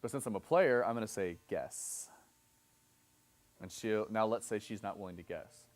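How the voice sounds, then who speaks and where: Thirties guy, kinda low voice, running a seminar, plays out little dialogues and keeps asking okay?. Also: normal speed. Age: 30s. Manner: explains step by step, often checking in with "okay?"; acts out both sides of example dialogues. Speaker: seminar instructor. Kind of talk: live seminar lecture.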